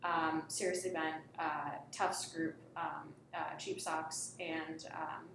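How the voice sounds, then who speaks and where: A woman's voice: deep voice, level tone, slow pace, vocal fry, background noise. A young woman, a college improv performer, talking casually with lots of fillers. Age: young adult. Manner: chatty, many fillers. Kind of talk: casual chat. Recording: echoey room.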